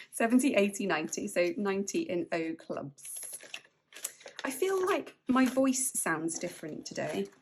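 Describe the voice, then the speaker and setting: A chatty woman from the UK talks casually as she counts out cash, laughing here and there. Her pitch sits in an ordinary middle range. She sounds a little spaced out from medication. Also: a little hiss or hum. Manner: chatty, counts money aloud, laughs often. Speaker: budgeting vlogger. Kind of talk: casual chat while cash stuffing.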